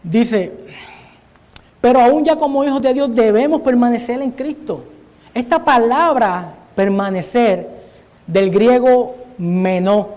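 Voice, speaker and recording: A man whose voice sits high with a darkish tone delivers an earnest Bible study sermon in a church hall, repeatedly calling listeners brother. The recording carries a long church-hall reverb.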